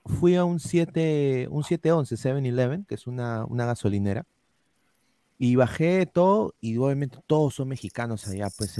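A man's voice: medium pitch, mellow, dry recording. A man with a Peruvian accent hosts a casual podcast chat and rambles through his points with many restarts. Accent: Peruvian Spanish. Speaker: podcast host reading viewer comments.

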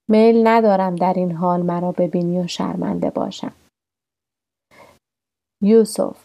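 A woman's voice: medium pitch, gravelly, warm tone, muffled recording, close to an everyday voice. A woman reading the lines of a heartbroken aged woman who pleads sorrowfully, in a storybook telling.

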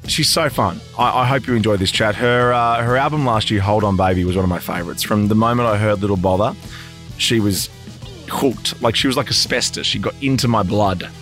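An Australian man with a croaky, frog-in-the-throat voice introduces a podcast episode in a chatty, gushing way. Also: on the low side, fairly quick, fairly bright tone, faint music behind. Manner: enthusiastic, gushing. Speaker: podcast host.

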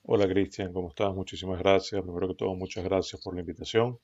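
A middle-aged man with a Venezuelan accent, telling his story as a podcast guest in a relaxed, rambling way with many fillers and restarts. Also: deep voice, fast, dry recording. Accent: Venezuelan Spanish. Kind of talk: casual conversational storytelling. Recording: dull lo-fi recording.

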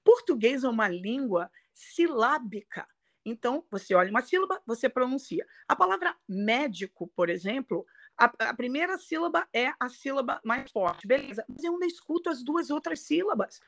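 A woman English teacher explaining her approach in an emphatic, lively conversational way. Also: high-pitched, moderate pace. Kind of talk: conversational interview.

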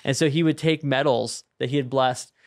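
Guy telling stories on a podcast, middle-pitched, lively and chatty. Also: moderate pace. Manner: animated storyteller, chuckles through anecdotes. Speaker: podcast co-host. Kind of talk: casual podcast conversation.

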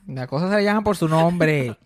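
A man with a Puerto Rican accent chatting casually on a podcast, animated and swearing freely, slipping English into his Spanish. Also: on the high side, moderate pace. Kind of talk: casual chat.

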